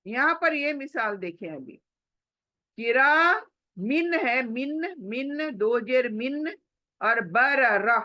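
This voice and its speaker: A woman's voice: fairly high pitch, expressive, takes it slowly, pauses often, sharp tone, no echo. A woman tajweed teacher who patiently repeats examples, hums the letters and asks questions she then answers herself. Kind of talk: recorded Quran recitation lesson.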